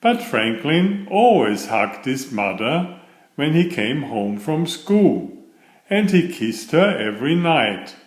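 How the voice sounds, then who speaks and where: A man reads a children's picture book aloud at an unhurried pace. His pitch moves around a great deal as he narrates. The recording has a noticeable room echo. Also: sing-song. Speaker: storyteller and children's author. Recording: roomy echo.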